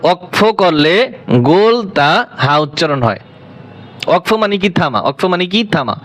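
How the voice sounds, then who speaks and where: A man teaching Quran reading, spelling each word letter by letter and then reciting it slowly and drawn out. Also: high-pitched, animated, fairly bright tone, faint music behind, rough recording.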